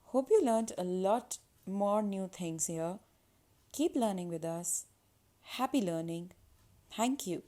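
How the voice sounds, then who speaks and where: A woman's voice: medium pitch, lively intonation, takes it slowly, warm tone. A woman teaching French pronunciation, saying each French word twice with stress and then giving its English meaning. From India. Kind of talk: pronunciation lesson.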